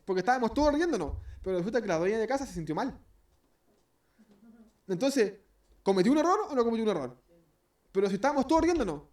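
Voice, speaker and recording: A man's voice: very high-pitched, a little mellow, far from the mic. A man with a Chilean accent preaching an informal sermon in a church, rambling and hesitant with many restarts, and joking as he acts out little scenes. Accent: Chilean Spanish.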